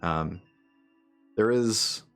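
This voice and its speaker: Male game master, very low gravelly voice, hesitant, laughs a lot. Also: extremely slow, fairly bright tone, faint music behind. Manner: hesitant, many fillers, laughs often. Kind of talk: narrating a tabletop game.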